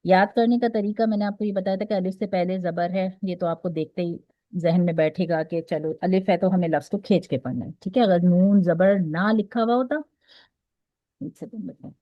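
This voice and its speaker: A woman with a Pakistani Urdu accent leads an online recitation lesson, going through each rule slowly and often pausing to ask if her students are following. Her voice sits fairly low. The recording is dry and slightly muffled, like audio from a video call. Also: dry recording. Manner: patient, explains step by step with frequent "theek hai?" checks. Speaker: Quran tajweed teacher. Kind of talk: online class lecture.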